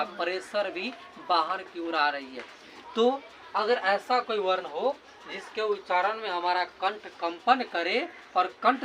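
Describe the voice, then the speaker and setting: A man's voice: high voice, sharp tone, slight background noise, rough recording. A man teaching a grammar lesson, who keeps asking a question and answering it himself and drills sounds aloud. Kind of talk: classroom lesson explaining grammar.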